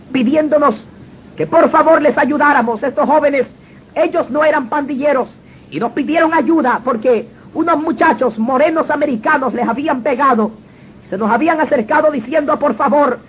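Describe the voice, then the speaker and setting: A man's voice: very high-pitched, normal speed, fairly bright tone. A man telling his personal testimony in an earnest, dramatic storytelling manner. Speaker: testimony speaker. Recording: dull lo-fi recording with faint noise.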